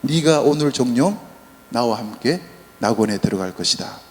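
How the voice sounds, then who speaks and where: A man voicing a solemn male savior who speaks in a measured, promising way. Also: medium pitch, expressive, a little mellow, close to an everyday voice. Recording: long church reverb.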